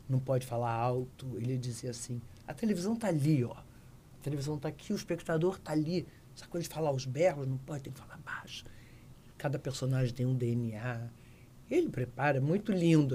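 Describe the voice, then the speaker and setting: Older woman telling lively anecdotes. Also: extremely low pitch, a little hiss or hum. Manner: lively anecdotes, acting out quoted voices. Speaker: actress, interview guest. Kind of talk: casual interview storytelling.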